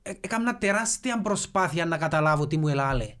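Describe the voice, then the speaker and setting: Cypriot Greek man, casual co-host, lively pitch swings, rambling anecdotes with fillers. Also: over music. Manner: animated storyteller with many fillers. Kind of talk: casual chat, storytelling.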